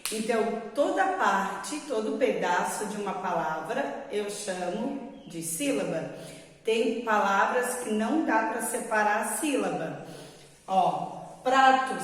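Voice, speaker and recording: A Brazilian woman teacher with a fairly high voice talks young pupils through a lesson at a slow, careful pace. Her explaining is patient, and she keeps checking that the children follow. The recording is very echoey, with a long reverb trailing each phrase. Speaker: primary school teacher.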